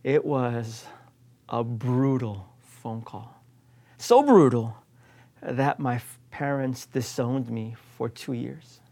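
A mellow, mid-range voice, animated and slow, belongs to an American man in his late forties preaching as a pastor. He's earnest and emphatic, returning over and over to repeated refrains.

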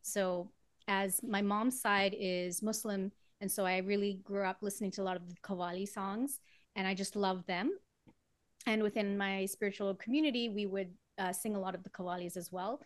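A woman's voice: medium pitch, steady tone, normal speed, dry recording. Chatty woman, dry close sound. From Trinidad. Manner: chatty, laughs often while explaining. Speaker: guest singer. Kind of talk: casual interview conversation.

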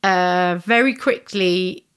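A woman's voice: fairly low pitch, takes it slowly, fairly bright tone, clean tone. A young woman talking casually and enthusiastically, rambling with lots of fillers and laughs. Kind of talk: casual chat.

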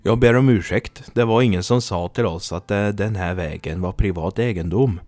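A man's voice: on the low side, a little mellow, no room sound, soft background music, lightly acted. A man voicing a formal young count, polite and easily flustered.

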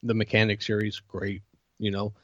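A man co-hosting a podcast, chatting casually in a measured way with dry humor. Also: lowish voice, completely flat delivery, a bit bright, no room sound. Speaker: podcast co-host. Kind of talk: casual chat. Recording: slightly dull, lo-fi sound.

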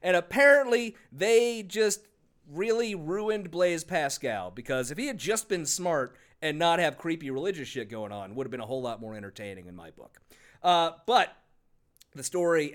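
Co-hosting a laid-back podcast about a book, this man is sarcastic, swears freely and laughs often. His voice is fairly high, with big swings in pitch, delivered at a normal speed.

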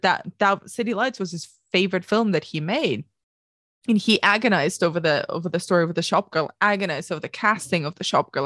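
A woman with a mid-range voice co-hosts a podcast, talking through a film casually, earnestly and animatedly, restarting her sentences often. The sound is clean studio quality with no echo.

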